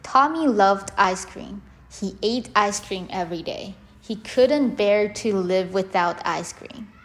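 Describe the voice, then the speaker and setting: Woman reading a kids story out loud, slow and careful, mid pitch. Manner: slow, clear and deliberate reading. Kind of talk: children's story narration.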